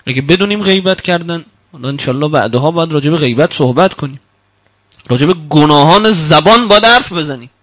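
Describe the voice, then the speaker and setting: Male preacher, bright, fairly high voice, emphatic sermon delivery, slow quoted sayings. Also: expressive. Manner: emphatic, rising to loud rebukes; quotes Arabic sayings slowly, then explains them.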